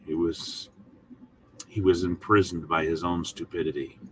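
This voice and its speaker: Deep-voiced, slow-talking man giving a devotional. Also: level tone, fairly bright tone, a little hiss or hum, rough recording. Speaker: Bible devotional teacher and host. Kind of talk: devotional Bible teaching, reflective sermon.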